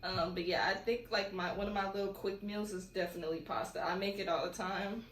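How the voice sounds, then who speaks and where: A woman's voice: medium pitch, fairly even intonation, fairly quick, a bit bright. A young woman from California chatting casually and rambling through a Q&A vlog at home. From California, USA. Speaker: vlogger. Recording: echoey room with faint background noise.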